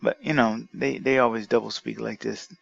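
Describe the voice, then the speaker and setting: Gravelly-voiced man arguing a point. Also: mid-range voice, steady tone, no room sound, lo-fi sound. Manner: indignant, argumentative, halting with restarts. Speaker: commentary vlogger. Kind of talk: reading an article aloud and rebutting it.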